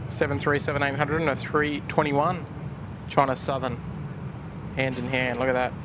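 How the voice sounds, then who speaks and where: A man's voice: mid-range voice, level tone, normal speed. A man giving casual live commentary as a livestream host outdoors. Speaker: plane spotting livestream host. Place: outdoors at an airport. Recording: outdoor ambient noise behind voice.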